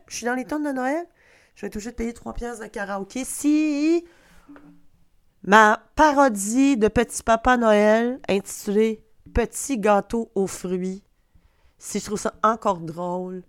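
A middle-aged woman from Quebec with a Québécois accent, hosting a podcast in a chatty, self-mocking monologue that is sprinkled with swearing. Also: medium pitch. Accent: Québécois French. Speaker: podcast host. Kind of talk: casual monologue.

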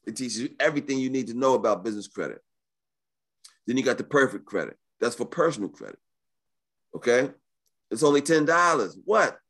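A man giving a casual, slangy live webinar sales pitch in the manner of a home shopping host, pushing deals and often checking in with the listener. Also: big pitch swings, fast talker, long pauses. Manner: informal and slangy, often checking in with right and okay. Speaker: business credit coach hosting a sales webinar.

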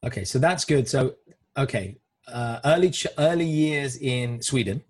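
Husky-voiced enthusiastic man hosting a podcast. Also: medium pitch, lively intonation, a little slow, dry recording. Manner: enthusiastic, chatty, many fillers. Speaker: podcast host. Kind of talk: casual interview.

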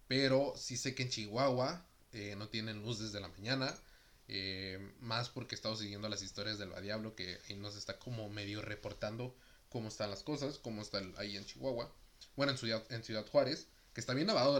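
A man's voice: fairly low pitch, fairly bright tone. A young man in his twenties from Mexico, chatting casually and jokingly, then reading a news item aloud, with many fillers. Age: 20s.

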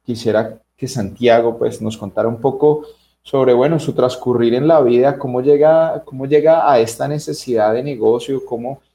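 Mellow Colombian radio host. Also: male voice, mid-range voice, moderate pace, roomy sound. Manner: relaxed, conversational introductions. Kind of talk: radio interview.

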